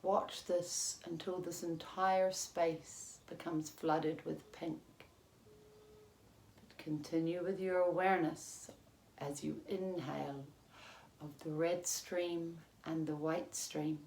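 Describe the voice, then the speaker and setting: Speaking low and slowly, with long silences between phrases, a woman yoga teacher guides listeners through yoga nidra meditation. Her calm, measured instructions carry a roomy echo, and faint noise sits in the background.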